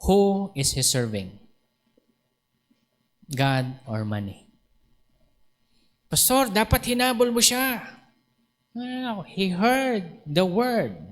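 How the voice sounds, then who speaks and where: A man preaching a sermon in a church, retelling conversations and acting out both sides. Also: sits high. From Philippines. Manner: preaching, acts out dialogue in retold conversations. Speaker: pastor. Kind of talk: Taglish sermon with storytelling. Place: church sanctuary. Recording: church hall with long reverb.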